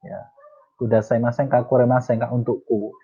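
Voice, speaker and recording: A man teaching Japanese in a casual lesson. He reads example sentences slowly, then translates and explains them. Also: medium pitch, flat delivery, mellow, slightly rough, faint music behind. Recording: tinny phone-like audio.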